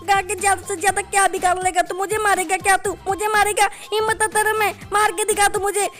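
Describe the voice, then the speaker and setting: A man's voice: very high voice, flat delivery, quick pace, music in the background. A man voicing a little cartoon boy who suddenly acts like a bully, taunting and threatening the others. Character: timid little boy turned boastful bully. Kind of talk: cartoon voice over gameplay.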